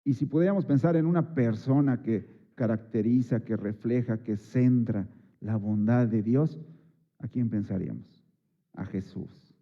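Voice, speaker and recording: A man's voice: mid-range voice, normal speed, muffled recording. A man preaching a Sunday sermon in a chatty way, with many fillers and rhetorical asides to the congregation. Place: church service.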